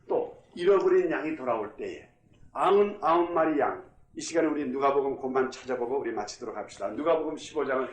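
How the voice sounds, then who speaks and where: A man's voice: medium pitch, lively intonation, brisk. A man pastor giving a Bible study lecture, emphatic, repeating key phrases and putting questions to the class. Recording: echoey room.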